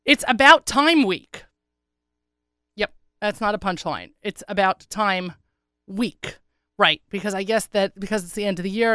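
An American woman hosting a chatty radio show in a wry, self-deprecating way, with a hoarse, congested, froggy voice that sounds swallowed. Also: fairly low pitch, fairly bright tone, no echo, studio quality. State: congested, under the weather. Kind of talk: casual chatty radio monologue.

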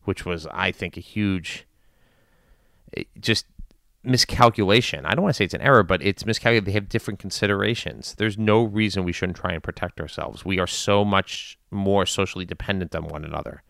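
A man giving informal news and community commentary in a measured, deliberate way with long pauses. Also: low voice, vocal fry, fairly bright tone, dry recording, studio quality. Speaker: commentator addressing his community.

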